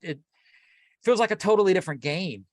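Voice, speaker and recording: A man's voice: sits high, brisk, no room sound, clean studio sound. A man co-hosting a collecting podcast in casual chat, rambling and restarting as he tells his stories. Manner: animated, rambling with many restarts. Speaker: podcast co-host.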